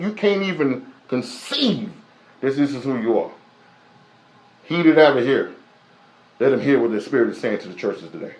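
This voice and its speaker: A man with a fairly high voice preaches a live-streamed sermon, teaching a Bible lesson in an emphatic, repetitive style full of rhetorical questions. The audio is dull, and the room is echoey.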